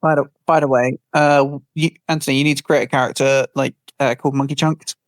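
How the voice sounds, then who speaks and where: A man in casual chat as a podcast co-host, breaking in with excited comments. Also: medium pitch, a little fast, no room sound, studio quality.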